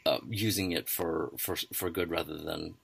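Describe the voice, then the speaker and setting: A man with a very low voice leads a relaxed study conversation. He gropes for words, restarts phrases, and fills pauses with "uh" and "um" as he works through ideas aloud. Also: gravelly, husky, no room sound. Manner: hesitant, thinks aloud with many fillers. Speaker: podcast host. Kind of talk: casual study discussion.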